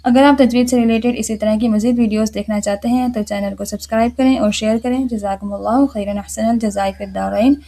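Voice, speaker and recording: A woman teaching a recitation lesson, asking herself questions and answering them, and repeating key words slowly for the listener. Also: fairly high pitch, steady tone, creaky, dark tone. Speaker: tajweed teacher. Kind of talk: explanatory lesson with repetition.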